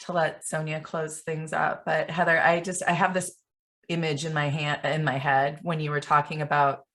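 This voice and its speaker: A woman's voice: low-pitched, flat delivery, moderate pace, a bit bright. A woman co-hosting a podcast interview, speaking emotionally and close to tears. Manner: emotional, tearful, heartfelt. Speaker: podcast co-host. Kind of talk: conversational interview.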